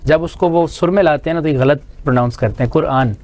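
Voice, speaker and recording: A man's voice: on the high side, darkish tone. Guy judging kids on a tv contest, patient, explains mistakes step by step. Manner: instructive, corrects pronunciation patiently. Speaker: judge of a children's recitation contest. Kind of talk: studio judging critique.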